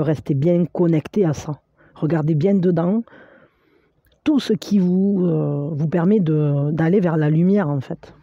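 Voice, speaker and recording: Speaking straight to the viewer, a woman offers a spiritual tarot reading, sounding encouraging yet hesitant as she fills pauses and starts over. She has a low, dark-toned voice, and the dull audio carries no echo.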